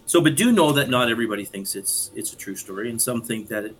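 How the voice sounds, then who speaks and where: A man's voice: mid-range voice, expressive, fast talker, fairly bright tone, a little hiss or hum, rough recording. Thoughtful man explaining scripture. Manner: thoughtful, explanatory, many restarts. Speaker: podcast co-host and Bible teacher. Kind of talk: casual Bible study discussion.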